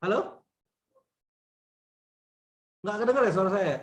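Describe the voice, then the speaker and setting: A man's voice: high voice, slow pace, roomy sound. Man lecturing over choppy, cutting-out audio. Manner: repeatedly checking if students can hear. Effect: choppy, cutting-out audio from a bad connection. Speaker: university lecturer. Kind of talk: online class lecture. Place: campus building.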